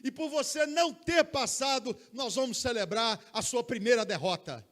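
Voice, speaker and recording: Man playing a proud, upbeat dad, raised pitch, loud and encouraging. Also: quick pace. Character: cheerful proud father encouraging his son.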